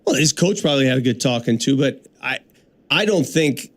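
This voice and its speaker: A man co-hosting a sports radio show, talking casually and joking, with halting restarts. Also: medium pitch, lively intonation.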